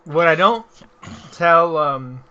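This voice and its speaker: A man's voice: fairly high pitch, slow, sharp tone, clean tone, highs cut off. A man playing a tabletop game in a dry, wry voice. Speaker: player.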